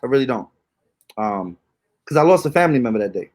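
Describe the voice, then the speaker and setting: A man's voice: mid-range voice, sing-song, fast, darkish tone. A young man co-hosting a podcast, telling ghost stories in casual, slangy, rambling chat with lots of fillers. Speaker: podcast co-host.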